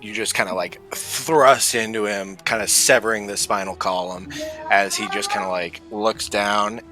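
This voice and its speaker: Man, game master, lowish bright voice, casual hesitant narration, faint music. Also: steady tone, normal speed. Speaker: dungeon master.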